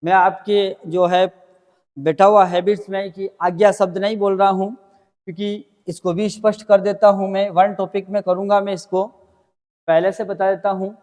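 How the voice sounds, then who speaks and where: High-pitched guy teaching grammar, asks and answers his own questions, lots of echo. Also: flat delivery, moderate pace, a little mellow. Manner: addresses students as friends, explains step by step, asks and answers own questions. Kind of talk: classroom grammar lesson.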